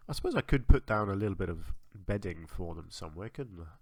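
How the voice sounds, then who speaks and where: A man's voice: sits low, lively intonation, fast talker, no echo. A man with a blocked, congested nose, chatting casually to himself as he builds in a game. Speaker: gaming video host. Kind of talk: casual gameplay commentary.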